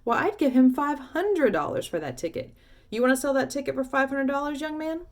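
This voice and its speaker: A woman voicing a pushy woman in a crowd who shouts indignantly. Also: sits high, animated, brisk, voice pushed up.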